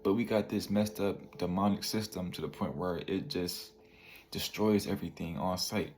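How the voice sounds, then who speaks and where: A man's voice: low voice, steady tone, normal speed, darkish tone, slight background noise. A man in his twenties giving a casual motivational monologue to the camera, laid back and full of slang, tagging lines with "bro" and "you feel me". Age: 20s. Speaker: vlogger.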